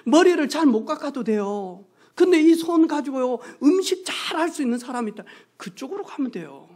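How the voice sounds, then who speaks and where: A pastor preaching a sermon, telling stories with acted-out quotes and hushed asides. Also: high voice, expressive, fairly quick. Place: church sanctuary.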